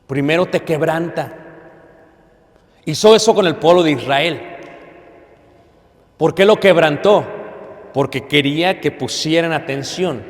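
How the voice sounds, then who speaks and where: Preacher with booming pauses. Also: male voice. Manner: dramatic pauses, rising to loud emphasis, asks the congregation questions. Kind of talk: sermon. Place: church hall. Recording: long hall reverb.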